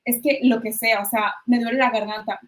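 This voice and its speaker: A woman's voice: fairly high pitch, steady tone, moderate pace. A woman guest expert explaining ideas in a conversational interview, with hesitant restarts.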